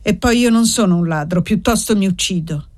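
A woman's voice: mid-range voice, fairly quick, a little mellow, faint music behind, close to an everyday voice. A woman voicing a proud, desperate young man in an audiobook, reading with bitter passion. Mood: grim.

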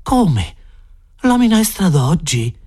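A man's voice: sits high, very animated, quick pace, a little mellow, voice pushed up. A man voicing a naive, grumbling young kitchen hand who whines in dismay. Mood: whiny, disgusted.

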